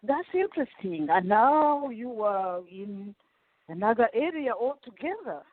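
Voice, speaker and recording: Slow, effusive woman host on a phone line. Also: fairly high pitch, big pitch swings, no room sound. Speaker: podcast host. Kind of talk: welcoming interview chat. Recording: tinny phone-line audio, dry.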